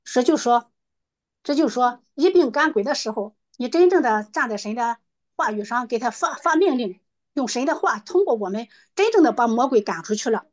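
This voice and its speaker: High-voiced woman giving church testimony. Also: animated, moderate pace, lo-fi sound. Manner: retells dialogue, punctuated with praise phrases. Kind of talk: spoken religious testimony.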